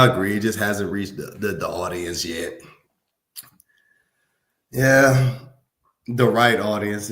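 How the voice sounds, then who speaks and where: A Louisiana man with a low, drawling voice hosts a livestream, reading comments and chatting loosely with viewers. He's laid-back and slangy, addressing his audience directly, while the room around him echoes noticeably.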